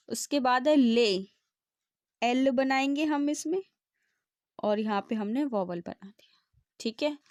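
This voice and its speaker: Woman teacher, patient tutorial, slow speech, dry close sound. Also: fairly high pitch, dry recording. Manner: slow, patient explaining with frequent checks. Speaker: shorthand teacher. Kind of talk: spoken tutorial lesson.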